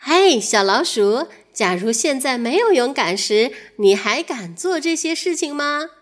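A woman doing a gentle, wise giraffe. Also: high-pitched, sing-song, measured pace, pitched above the performer's own voice. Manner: gentle, earnest, soothing. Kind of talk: children's storybook reading.

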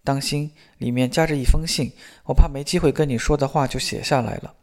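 A man reading the lines of a gentle young man who speaks softly and reassuringly. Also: mid-range voice, steady tone, brisk, lightly acted. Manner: soft, reassuring.

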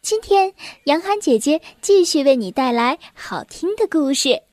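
A woman hosting and narrating a children's storybook in a gentle, expressive way. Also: high voice, measured pace, no room sound, studio quality. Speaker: storyteller host.

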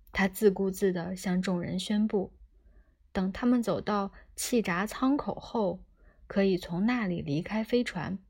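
A woman narrating a comic science fiction audiobook in a measured storytelling manner. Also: medium pitch, a little mellow, slightly rough. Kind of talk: scripted narration.

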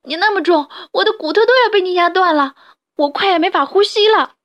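A woman's voice: expressive, normal speed, lo-fi sound. Habus, a woman voicing a whiny crying bunny boy. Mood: pained, pleading. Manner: high, tearful and pleading. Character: whiny young male rabbit bully, crying.

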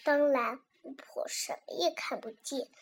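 High-voiced, unhurried woman storyteller. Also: slight background noise. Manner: animated, expressive reading. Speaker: children's storyteller. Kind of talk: children's storybook reading.

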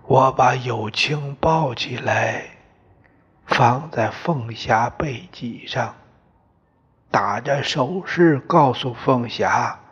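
A man narrating a novel as an audiobook, in a slow, deliberate storytelling manner that at times drops to a whisper. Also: medium pitch, husky, muffled recording. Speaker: audiobook reader.

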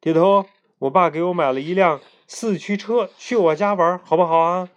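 A man's voice: sits high, moderate pace, highs cut off, pitched above the performer's own voice, natural voice. A man doing a boastful little schoolboy. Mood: coaxing. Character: boastful schoolboy, chatty and easily hurt.

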